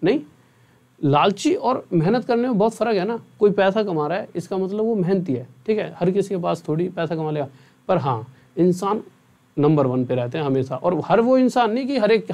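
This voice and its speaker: A man's voice: high voice, mellow. Chatty, earnest young male teacher. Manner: chatty and earnest, often asks "theek hai?". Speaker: online exam-prep math teacher. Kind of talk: casual talk to students at end of an online class.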